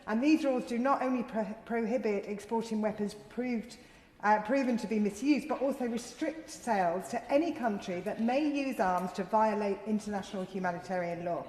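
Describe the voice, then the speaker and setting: A woman's voice: mid-range voice, moderate pace, a little mellow. Woman arguing formally, echoey hall. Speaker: member of parliament intervening. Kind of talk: formal, argumentative parliamentary debate intervention. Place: large indoor debating chamber. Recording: echoey hall, faint background noise.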